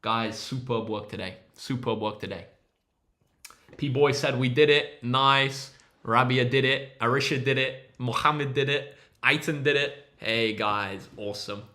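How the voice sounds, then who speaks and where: Unhurried and sharp-toned, this young maths tutor speaks at a medium pitch, in an ordinary middle range, while hosting a casual livestream. He cheers his viewers on like teammates, staying upbeat and calling out names from the chat.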